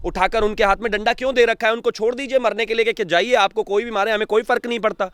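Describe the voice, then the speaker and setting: A man's voice: high-pitched, steady tone, fast, a bit bright, clean tone, no room sound. Agitated man firing rhetorical questions. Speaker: political analyst. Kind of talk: heated political commentary.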